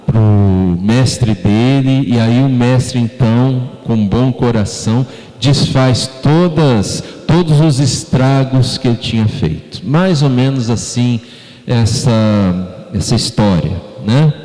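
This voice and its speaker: A male pastor with a Brazilian Portuguese accent preaches a sermon in a church sanctuary, his mid-range, mellow voice moving slowly. He speaks conversationally and puts questions to the congregation, with long church-hall reverb on the recording.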